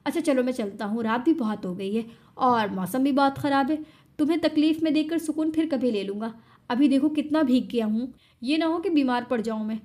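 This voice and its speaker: A woman's voice: high voice, fairly quick, warm tone, lightly acted. A woman voicing a cruel, taunting young husband in a storybook reading, sneering under a sweet, mock-tender tone. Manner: sneering, mock-tender, then snapping angrily.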